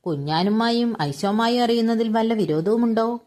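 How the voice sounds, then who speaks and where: A woman voicing a grown son in a read-aloud story. He argues back in a wry, stubborn way, in a mellow voice lifted a little above the reader's own. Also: a little high, normal speed, voice pushed up, close to an everyday voice. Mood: wry arguing.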